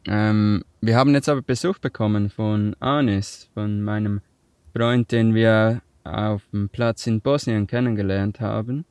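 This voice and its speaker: A man with a Swiss German accent, co-hosting a casual chat over a remote call, relaxed and laughing easily. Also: lowish voice, measured pace, smooth, dry recording. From Switzerland. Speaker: podcast co-host. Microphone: remote call with weak connection.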